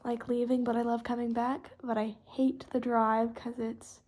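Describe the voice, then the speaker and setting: A woman's voice: fairly high pitch, level tone, moderate pace, a little mellow. A teenage girl from Texas chatting informally and rambling as a podcast host, in a youthful casual way while coloring. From Texas, United States. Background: pencil and marker scratching on paper.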